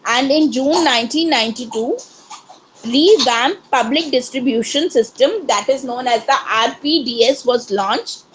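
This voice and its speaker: A woman with an Indian English accent, giving an online lecture as a course counsellor and explaining things in a steady way. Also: high voice, unhurried, slight background noise, rough recording. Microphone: video call.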